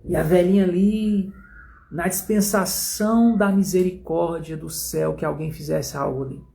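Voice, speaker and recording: A man teaching a Bible study in a sermon style, telling stories dramatically with slow, emphatic phrasing. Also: sits high, steady tone, creaky, warm tone.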